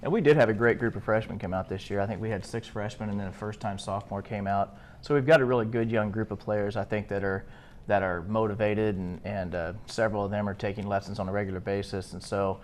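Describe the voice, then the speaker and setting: Low-voiced man, easygoing head coach. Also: fairly even intonation, fast, slight background noise. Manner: easygoing, conversational. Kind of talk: press conference answers.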